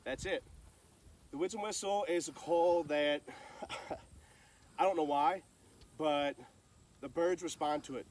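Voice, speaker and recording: Folksy guy casually explaining hunting calls, kinda high voice, mic sounds a ways off. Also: recorded from a distance, slight background noise. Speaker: duck hunter giving calling tips. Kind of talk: casual instructional talk.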